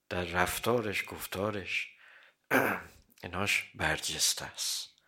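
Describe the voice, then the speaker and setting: Bright-voiced man preaching a sermon. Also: fairly low pitch. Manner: quotes Arabic hadith then explains in plain Persian; clears throat often. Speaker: cleric. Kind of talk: religious sermon.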